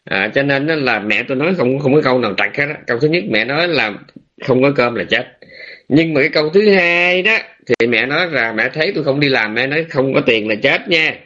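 A man, a Buddhist monk giving a dharma talk with drawn-out phrases, many hesitant fillers and rhetorical questions to his listeners. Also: mid-range voice, lively intonation, sharp tone, muffled recording. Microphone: online room.

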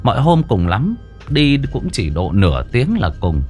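A man's voice: medium pitch, huge pitch swings, measured pace, a little mellow, faint music behind. A man narrating a horror story with dramatic expression.

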